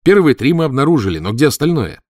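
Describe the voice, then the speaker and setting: A man's voice: medium pitch, sing-song, fast talker, darkish tone, no echo, clean studio sound, pitched above the performer's own voice. A man voicing an eager, anxious young male scholar who speaks urgently. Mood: elated.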